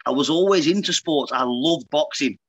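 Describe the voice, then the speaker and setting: Speaking through earbuds on a video call from an indoor room, this pro boxer from Lancashire, a man in his thirties, is the guest in a casual, frank interview and keeps calling the host "mate." His pitch runs fairly high at a normal speed, with a slightly rough, somewhat bright tone.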